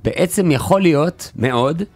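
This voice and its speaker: Lively joking male radio co-host. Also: on the high side, breathy edge, faint music behind. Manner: playful, teasing banter. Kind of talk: casual chat.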